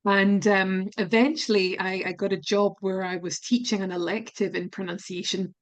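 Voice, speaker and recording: Speaking at a normal speed with a steady, medium-pitched tone, this woman from Scotland is being interviewed over an online call about her work as a pronunciation specialist. Her answers are frank and sincere, broken occasionally by self-deprecating laughter.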